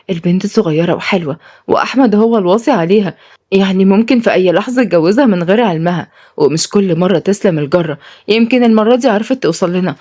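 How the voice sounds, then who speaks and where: A woman's voice: medium pitch, a little mellow, natural voice. A woman voicing a caring, coaxing older mother with an Egyptian accent. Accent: Egyptian Arabic.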